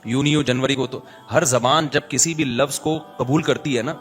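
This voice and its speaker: A man with a Karachi Urdu accent giving a religious lecture, moving between chanted recitation and chatty, animated asides. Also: medium pitch, faint music behind. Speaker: preacher.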